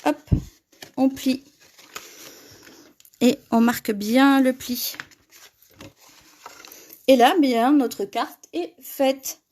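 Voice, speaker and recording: A woman's voice: sits high, fairly even intonation, very slow, long pauses, darkish tone. A woman hosting a live paper-craft tutorial, chatting with viewers and laughing often as she reads their comments.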